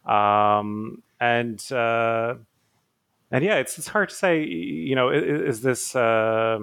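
A man's voice: medium pitch, slow, fairly bright tone, clean tone, no room sound. A man, an author giving thoughtful interview answers, hesitant with many fillers and restarts. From Poland. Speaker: author guest.

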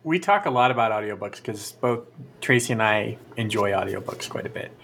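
Man, podcast host, casual chat, storytelling, forceful bright tone. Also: fairly low pitch, fairly quick, creaky, a little hiss or hum. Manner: animated storyteller, frequent restarts.

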